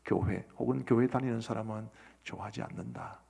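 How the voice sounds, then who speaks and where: Middle-aged male pastor, gravelly mid-range voice, earnest questioning sermon, long church reverb. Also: on the low side, fairly quick, mellow. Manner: earnest, asks the congregation questions. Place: church sanctuary.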